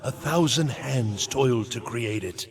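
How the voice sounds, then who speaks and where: A man's voice: medium pitch, measured pace, close to an everyday voice. An actor playing the proud, tormented ghost of an old king in a video game, declaiming imperiously. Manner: imperious, theatrical, declaiming, swelling to battle cries.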